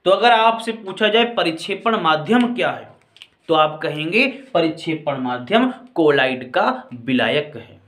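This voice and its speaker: Man, chemistry teacher, fairly high voice, step-by-step lecture, roomy echo. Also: animated, measured pace, a bit bright. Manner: explains step by step, often asks if it is clear; addresses students as children and friends. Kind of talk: classroom-style lecture. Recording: echoey room.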